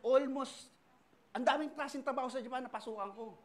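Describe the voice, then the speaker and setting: A middle-aged Filipino pastor preaches to his church, mixing personal testimony with lively, acted-out voices. His voice sits high for a man, and he swings between loud outbursts and quiet asides. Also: brisk. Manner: animated storytelling, acting out voices and shouting lines. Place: church service.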